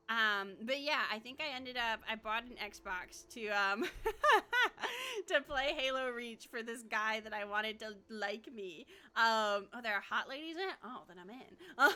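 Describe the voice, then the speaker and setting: A woman's voice: a little high, sharp tone. A woman livestreamer chatting casually over a game in a cute, bubbly anime-streamer manner, giggly and self-deprecating. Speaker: streamer, VTuber. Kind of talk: casual livestream gaming chat.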